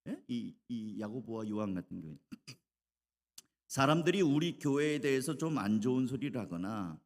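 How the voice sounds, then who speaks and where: Lively preaching man in a reverberant church. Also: mid-range voice, normal speed. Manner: lively and conversational, with acted asides. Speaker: pastor. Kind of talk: sermon. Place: church sanctuary.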